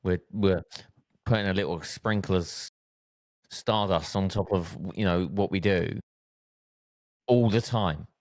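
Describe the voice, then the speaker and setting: A man co-hosting a podcast in casual chat, with a very deep voice. He speaks earnestly and drives his points home by repeating them. The sound is close and dry, with no room echo. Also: slow, long pauses, a little mellow. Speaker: podcast co-host.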